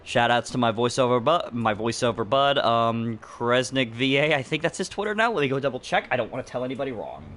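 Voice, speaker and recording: A young man with a mid-range, slightly bright voice chats casually while streaming a video game, doing let's-play commentary. He talks fairly quickly and expressively with few pauses, rambling between thoughts, joking with a friend and laughing mid-sentence.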